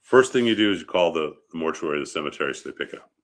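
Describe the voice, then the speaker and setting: Teaching about funeral customs, this rabbi talks very fast in a bass voice with lively intonation and a fairly bright tone. He has a head cold and sniffles a little, keeping the lecture informal and frequently pausing for quick check-in questions.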